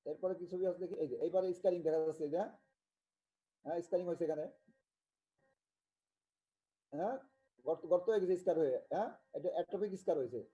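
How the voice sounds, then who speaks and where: A man from Bangladesh teaches an online medical tutorial in a high, very dark and mellow voice. He talks haltingly, restarting and repeating terms and often checking that students follow. The audio is dull and lo-fi. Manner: halting, repetitive, with many restarts and check-ins. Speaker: medical lecturer.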